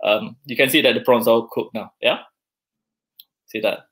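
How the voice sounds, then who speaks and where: He speaks at a normal speed in a mid-range voice, with fairly even intonation and a fairly bright tone. In his forties, he hosts a casual live cooking session from his own kitchen, chatting along and thinking aloud with frequent fillers. A video call camera moving through the kitchen serves as the microphone.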